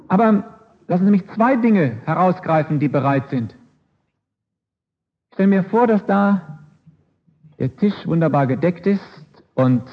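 A man's voice: on the high side, husky. A man preaching a sermon emphatically, with rhetorical questions and repeated phrases, on a dull lo-fi recording.

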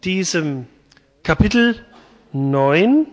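A man giving a sermon, retelling and reading a Bible passage in a chatty, lively way. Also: high voice, very slow, big-room sound, highs cut off. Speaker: preacher. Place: church.

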